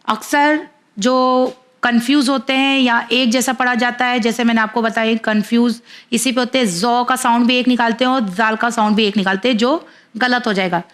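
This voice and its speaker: A woman's voice: on the high side, fairly even intonation, fairly bright tone. A woman teaching children to pronounce letter sounds, patiently sounding out syllables one by one. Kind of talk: pronunciation lesson for children.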